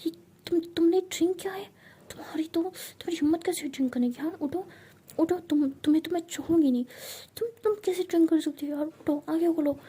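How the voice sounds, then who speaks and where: A woman's voice: high voice, steady tone, fairly quick, dark tone, voice pushed up. A woman voicing a caring young college woman who fusses over and scolds her girlfriend. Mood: worried scolding. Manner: fussing, scolding, coaxing. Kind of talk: storybook role-play.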